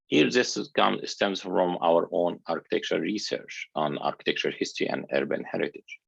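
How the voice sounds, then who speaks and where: A man from Egypt delivers a conference lecture in a very low, gravelly voice with a husky edge. He talks earnestly and haltingly, often restarting his phrases. The sound is dry and dull, like a lo-fi recording. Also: expressive, no echo. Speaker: architecture researcher giving a talk.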